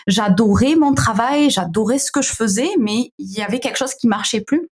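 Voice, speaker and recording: A young woman from southern France, with a matching accent, answers questions as a podcast guest; she founded a digital wellbeing company. Her voice is fairly high and husky and moves at normal speed. She comes across relaxed but hesitant, with frequent fillers, restarts and laughter in this conversational interview.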